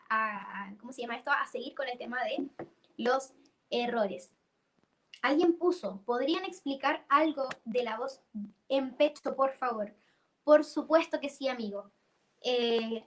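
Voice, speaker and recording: A young woman leads a singing workshop. Her voice sits high, and she explains things patiently, breaking into sung notes to show each vocal register. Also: fairly bright tone, a little hiss or hum. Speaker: singing teacher.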